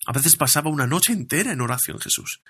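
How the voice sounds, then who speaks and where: A man's voice: a little high, lively intonation, fast talker, bright, forceful tone, breathy edge. A man preaching a sermon as pastor, earnestly drawing out scripture lines and repeating phrases as he builds each point.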